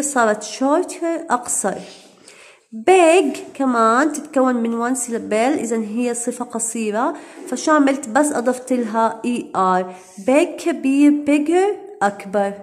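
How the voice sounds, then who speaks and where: A woman English teacher, giving a recorded grammar lesson in slow, deliberate English and quicker explanations. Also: sits high. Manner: stretches out English example words.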